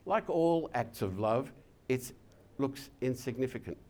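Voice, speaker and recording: An older man, a pastor, giving a gentle and plain-spoken communion sermon, often dropping to a soft, intimate tone. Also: medium pitch, expressive, slight background noise. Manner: slow, gentle, intimate preaching with soft drops.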